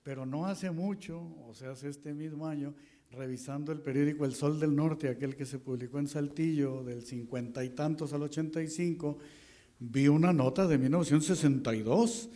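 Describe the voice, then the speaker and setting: This guest historian, a middle-aged man from northern Coahuila, Mexico, has a slightly high, mellow voice and talks at normal speed. Holding a handheld mic on an auditorium stage, he gives a folksy, rambling public history talk with many fillers and restarts.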